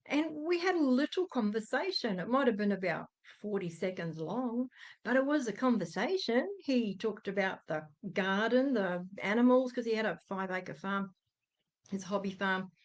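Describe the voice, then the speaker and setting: A woman's voice: mid-range voice, normal speed. A middle-aged woman, telling a personal story to camera and acting out the dialogue with frequent laughs. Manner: animated, acts out quoted dialogue, laughs often. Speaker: energy coach.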